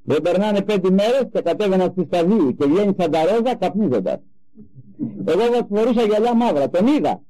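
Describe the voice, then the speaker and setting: An older man giving a religious talk, telling personal stories with animated emphasis. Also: high-pitched, poor audio. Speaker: religious speaker. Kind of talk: sermon with personal anecdotes.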